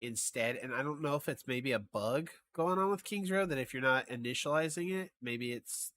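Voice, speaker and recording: A man's voice: medium pitch, lively intonation, normal speed, a bit bright. A man casting an esports match in a casual, chatty way, often thinking aloud and trailing off. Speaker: esports caster.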